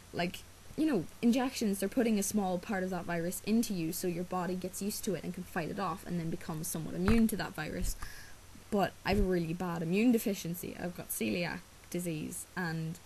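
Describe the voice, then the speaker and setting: This teenage girl vlogs in casual chat, her Irish accent reflecting Irish as her first language. Her fairly low voice has vocal fry and a darkish tone, she rambles with many ums and likes, and her throat is sore from coughing. The audio is poor, with slight hiss or hum.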